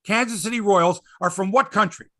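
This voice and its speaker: A man hosts a sports talk show, ranting emphatically in a high-pitched, fairly quick voice with a bright, forceful tone. His opinionated delivery is salty and profane, full of exasperated repetition and rhetorical questions.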